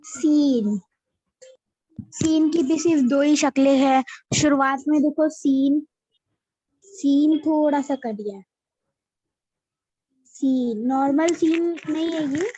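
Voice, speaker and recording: A woman with a high, bright-toned voice walks children through the alphabet, saying each letter again and again. The sound is dry and dull, like a low-fi home recording. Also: slow, pauses often, no room sound. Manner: patient, repeats each letter name. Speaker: teacher.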